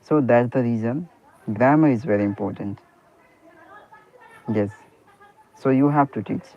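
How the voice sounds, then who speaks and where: A private teacher whose first language is Hindi leads an English speaking practice conversation over a tinny line. His medium-pitched voice moves a little slowly, and he's earnest, often saying "you know" and "okay" and restarting sentences.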